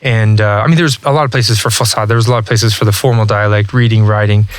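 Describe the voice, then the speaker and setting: A Texan man in his thirties, a language learning entrepreneur, is a guest on a podcast, chatting casually and thoughtfully in a relaxed, reflective way, often restarting sentences and saying "like" a lot. His lowish voice is fast, clear, and resonant, with no room sound.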